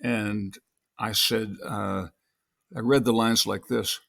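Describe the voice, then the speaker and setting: A man's voice: fairly low pitch, steady tone, slow, vocal fry, fairly bright tone. An older man, an actor and podcast guest, telling long anecdotes in a casual interview with many restarts.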